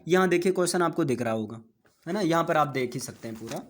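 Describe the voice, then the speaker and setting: A man's voice: fairly high pitch, animated. A man teaching an English grammar lesson. He explains step by step, mixing English terms into his talk, asking questions and answering them himself. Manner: mixes English terms into Hindi, reads English lines out slowly. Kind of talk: classroom-style grammar lesson.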